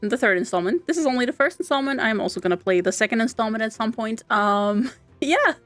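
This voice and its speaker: A young Austrian woman, a native German speaker with an Austrian German accent, chats casually on a game stream, giggling and halting as she restarts her sentences. Her voice is a little high with lively intonation. It's recorded dry on a close mic with no room sound, and quiet game music plays underneath.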